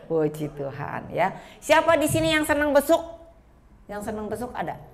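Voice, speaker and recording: Lively woman preaching a sermon. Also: medium pitch, a little slow. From Indonesia. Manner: lively, addresses the congregation directly. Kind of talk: sermon with personal testimony. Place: church.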